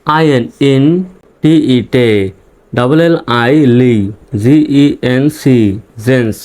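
A man teaching English reading, spelling words letter by letter and sounding out each syllable slowly. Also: medium pitch, steady tone, darkish tone, smooth. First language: Bengali. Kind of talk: spelling-out pronunciation lesson.

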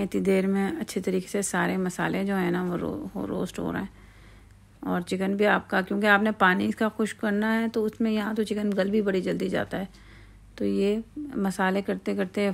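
Woman, home cooking host, chatty step-by-step tutorial, very gravelly, flat delivery, outdoors at night. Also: mid-range voice. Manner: chatty step-by-step explaining with fillers.

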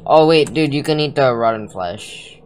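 A woman with an unusually deep, low voice gives casual, excitable commentary while gaming with a friend. She peppers her talk with "dude" and "like" and laughs often. Faint keyboard typing sits behind her. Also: normal speed, a little hiss or hum. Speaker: gamer playing with a friend.

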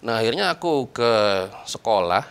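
A young man casually telling a personal ghost story in conversation, animated and acting out the voices of the people in it. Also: mid-range voice, normal speed, creaky, clean tone. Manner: animated, acts out quoted voices. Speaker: guest storyteller.

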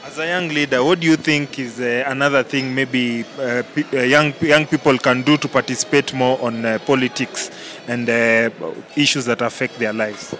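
A man's voice: mid-range voice, steady tone, moderate pace, a bit bright, soft background music. A man with a Kenyan accent asking interview questions as a reporter, with hesitant, searching phrasing. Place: large indoor event hall. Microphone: handheld microphone. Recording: clear background noise of busy hall.

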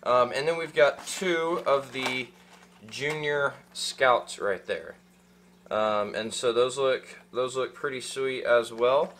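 A young man who hosts a fishing channel sits in a small room unboxing gear, chatting casually and rambling with lots of ums and uhs and restarts. His medium-pitched voice is fairly bright and he takes it slowly, with slight background noise in the recording.

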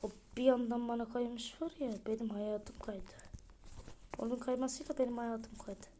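A woman, commentating a horror game as she plays, muttering to herself with sudden loud outbursts. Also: a little high, fairly even intonation, normal speed, slight background noise. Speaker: gaming streamer. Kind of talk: let's play commentary.

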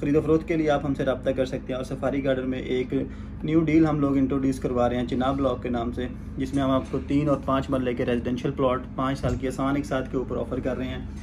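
Speaking quickly in a flat, medium-pitched voice, this real estate agent, a man in his thirties with a Pakistani Urdu accent, presents a promotional interview and sales pitch from a small office. He sounds polite and formal, with hesitant fillers, against a noisy background.

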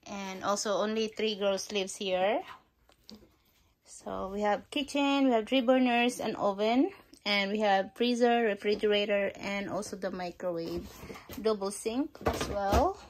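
This middle-aged family vlogger narrates a casual tour of an RV trailer, from inside and just outside it, at a slow pace. Her voice is medium in pitch, captured on a phone held at arm's length, with slight background noise.

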